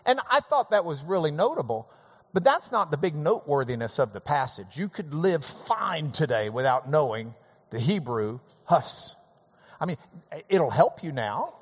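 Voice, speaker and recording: Animated man teaching Bible class. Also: fairly high pitch, normal speed, slightly rough. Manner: animated, conversational, folksy asides. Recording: reverberant hall, dull lo-fi sound.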